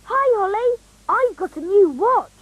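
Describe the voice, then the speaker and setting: A woman's voice: very high voice, animated, unhurried, no echo. A woman voicing a cheerful, proud young elf boy in a children's cartoon, earnest and childlike. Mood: cheerful, eager.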